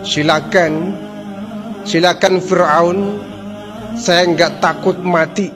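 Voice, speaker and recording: A man voicing a devout, fearless woman servant in a preached story, making calm, firm declarations. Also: high-pitched, slow pace, over music. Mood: defiant.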